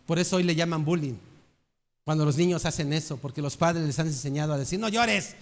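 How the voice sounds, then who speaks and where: Older pastor with a high voice. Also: male voice, steady tone, quick pace, a little mellow. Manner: earnest preaching with rhetorical questions. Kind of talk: sermon.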